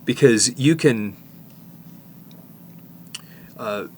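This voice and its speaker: Speaking extremely slowly at medium pitch, a middle-aged tape repair technician demonstrates fixing a cassette in his workshop. He thinks aloud in a relaxed manner, with restarts and asides, and a little hiss or hum can be heard.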